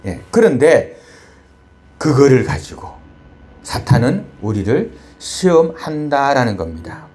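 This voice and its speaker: A man's voice: medium pitch, sing-song, slow, a little mellow. A male pastor preaching a sermon, telling a story with many rhetorical questions and tag words.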